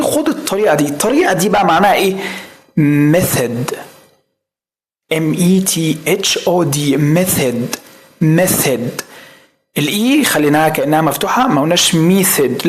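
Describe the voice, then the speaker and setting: An Egyptian man teaching English online, his pitch jumping around lively as he drills each word again and again. He coaxes and teases the learner between repetitions. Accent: Egyptian Arabic. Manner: drills each word by repeating it many times; coaxing, teasing asides to the learner. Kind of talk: online language lesson.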